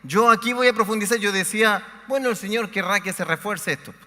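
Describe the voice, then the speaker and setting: A man preaching a sermon as pastor, reading scripture aloud with dramatic pauses on a convention stage mic. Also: high voice, pushed and bright. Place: large convention hall. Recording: convention hall reverb.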